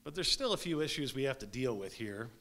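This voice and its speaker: A man in his thirties preaching a sermon as pastor, speaking with wide swings in emphasis and loudness, recorded standing in a small church sanctuary. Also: medium pitch, very animated, brisk. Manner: gestures while preaching standing up. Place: small church sanctuary with stone fireplace, indoors.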